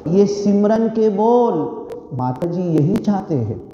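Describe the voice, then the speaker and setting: A man's voice: high voice, expressive, slow pace, mellow. A man giving a devotional sermon, earnest and fervent, repeating phrases with rising feeling. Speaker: preacher. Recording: dull, echoey hall recording.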